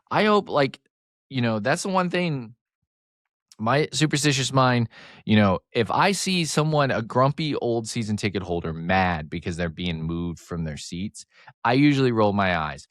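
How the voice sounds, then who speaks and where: A man hosting a casual sports podcast alone, excitable and rambling, with a slight speech impediment that makes him mumble and trail off. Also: medium pitch, no echo, clean studio sound. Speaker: podcast host. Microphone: close desk mic, sometimes turning off-axis.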